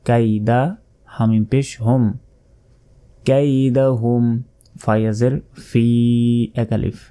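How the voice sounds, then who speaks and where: A man with a mellow, dark voice teaches Quran recitation, breaking each word into its letters and vowel marks. He drills slowly and patiently, pointing out where learners usually go wrong. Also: mid-range voice, clean tone. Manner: slow, letter-by-letter drilling and correcting common mistakes. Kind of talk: spelled-out Quran pronunciation lesson.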